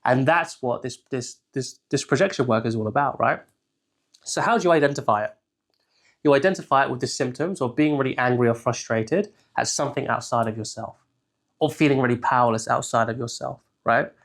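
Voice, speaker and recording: Man, young adult, coach, casual teaching talk, mid-pitched voice, keeps asking "right?". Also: fairly quick. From England. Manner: conversational, keeps checking in with "right?". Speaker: life coach.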